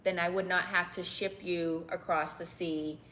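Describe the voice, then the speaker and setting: A restaurant owner from Texas who grew up in Bangkok and speaks Thai as her first language tells her story in a candid interview, full of ums and easy laughter. Her voice is on the low side and fairly bright, with fairly even intonation and normal speed, and there is slight background noise.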